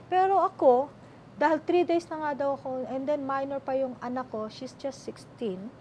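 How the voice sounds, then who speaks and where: A middle-aged Filipino woman with a Filipino accent, telling her story as an interview guest, animated and acting out the voices she quotes. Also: high-pitched, normal speed, a little hiss or hum. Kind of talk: emotional sit-down interview.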